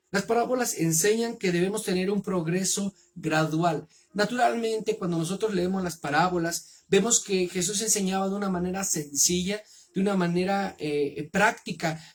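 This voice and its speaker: A man with a Mexican accent reading the Bible aloud and then preaching on it in an earnest, measured way. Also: high-pitched.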